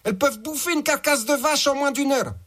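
A man's voice: extremely high pitch, a little fast, a bit bright, voice pushed up. A man voicing a crude, bossy gang boss who gloats over his orders. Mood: gloating. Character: coarse foul-mouthed male gang boss.

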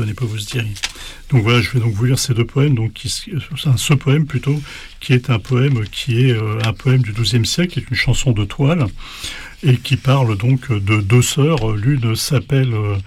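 A man giving an informal lecture to an audience, talking in a halting way with frequent restarts. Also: medium pitch, a little mellow. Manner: hesitant, halting, with many restarts.

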